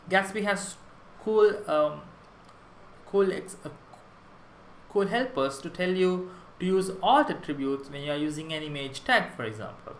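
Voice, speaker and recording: A man's voice: a little high, a bit bright, reverberant, a little hiss or hum, low-quality recording. A young man from Sri Lanka giving a prerecorded conference talk on web development, enthusiastic and explanatory, with small restarts.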